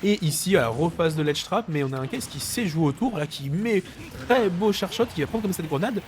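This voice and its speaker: A man's voice: sits high, expressive, fairly quick, a crowd in the background. A man giving chatty colour analysis of a fighting-game final, with joking asides. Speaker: esports co-commentator. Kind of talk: live esports analysis. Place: esports venue. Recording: faint music underneath. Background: faint music behind the voice.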